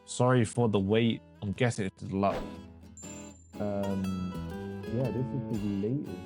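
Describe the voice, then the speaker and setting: A man's voice: on the low side, measured pace. A man reviewing music as a reaction host, blunt and full of swearing and exasperated outbursts. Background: faint music playing.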